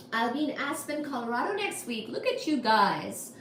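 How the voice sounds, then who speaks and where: Chatty woman in an echoey room. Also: fairly high pitch. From India. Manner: chatty, wry, answers chat questions. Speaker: livestream host. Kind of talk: casual chat reading viewer comments. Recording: echoey room with faint noise.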